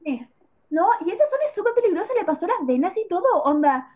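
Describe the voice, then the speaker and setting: A woman's voice: very high voice, sing-song, fast. A young woman hosting a casual chat, reacting with exclamations. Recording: tinny phone-like sound.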